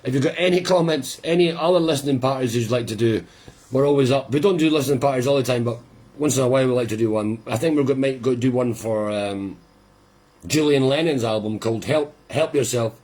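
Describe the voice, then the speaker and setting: A man hosting a live listening party, chatting casually and rambling with quiet amusement as the record plays. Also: mid-range voice, brisk.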